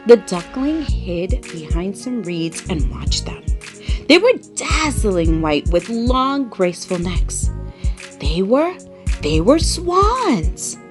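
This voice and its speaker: Reading a children's story aloud, a woman uses a dramatic, emphatic delivery that is very animated. Her pitch swings widely while she keeps an unhurried pace, and gentle music plays underneath.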